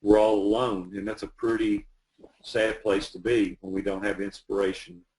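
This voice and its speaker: A man's voice: on the low side, flat delivery, moderate pace, a little mellow, poor audio. A man working as a business coach, talking earnestly and with animation as he tells stories in a casual interview.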